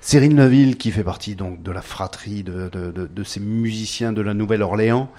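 A man hosting a radio music show with a low voice. His tone is dark and mellow. He introduces tracks hesitantly, with plenty of fillers and restarts. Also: moderate pace. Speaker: radio host.

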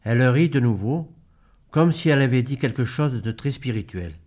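Man, audiobook narration, first person, measured delivery, mid-range voice. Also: medium pitch, expressive, darkish tone. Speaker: audiobook reader. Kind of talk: read-aloud literary narration.

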